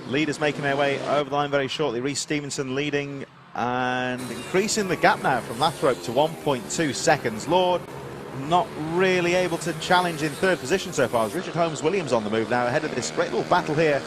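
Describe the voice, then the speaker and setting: A man's voice: on the high side, fairly quick. A man giving live motorsport commentary as race commentator, reeling off rider names and running order. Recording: noisy outdoor trackside sound. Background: vehicle and outdoor track noise.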